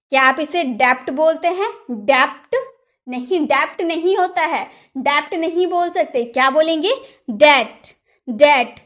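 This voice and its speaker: High-voiced woman teaching pronunciation. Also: fairly bright tone. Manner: repeats each word slowly and quizzes viewers with questions. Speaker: English teacher. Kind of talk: pronunciation lesson.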